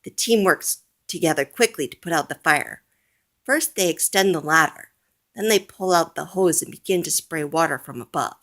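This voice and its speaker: A woman reading a children's storybook aloud in a gentle, deliberate way. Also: sits low.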